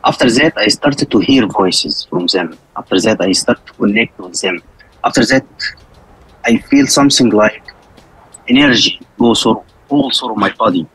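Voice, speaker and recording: A man's voice: lowish voice, normal speed, fairly bright tone, husky, no echo, low-quality recording. A man from Egypt with an Egyptian accent and Arabic as his first language, speaking simple non-native English as he tells his story in an interview, often repeating phrases. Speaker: interview guest, skull carver.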